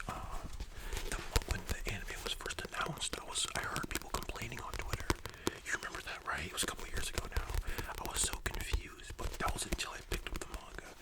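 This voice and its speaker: A person in a whispered role-play as a chatty, enthusiastic library worker, speaking in a soft, breathy library whisper with a casual, gushing manner. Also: mid-range voice, poor audio. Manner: hushed, casual, gushing, conversational.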